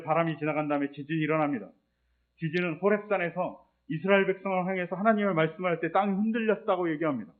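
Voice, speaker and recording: A male pastor preaching a sermon, explaining scripture with rhetorical questions. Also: sits high. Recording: tinny phone-like sound.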